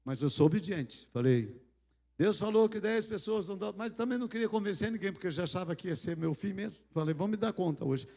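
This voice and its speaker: High-voiced Brazilian pastor in a reverberant hall. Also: male voice, quick pace, vocal fry. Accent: Brazilian Portuguese. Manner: animated, acts out dialogue with God, joking asides. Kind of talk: storytelling sermon. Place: large church hall.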